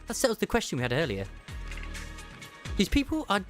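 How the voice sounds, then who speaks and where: A man reading a game character's lines aloud, with big leaps in pitch and some background music. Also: wildly swooping pitch, a little fast. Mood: eager.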